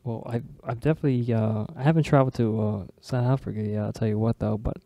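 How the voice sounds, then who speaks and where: A young man talks fast, with a gravelly, mellow voice, as host of a casual podcast. His chat is loose and friendly, full of filler words. The sound is dry and close. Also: medium pitch, fairly even intonation, no room sound. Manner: fast, chatty, loose with many likes and dudes.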